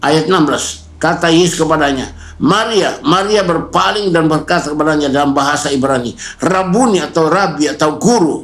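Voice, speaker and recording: A male pastor preaching a sermon, repeating key words and pausing for emphasis. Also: a little high, a bit bright, reverberant. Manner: preaching with repetition and emphatic pauses.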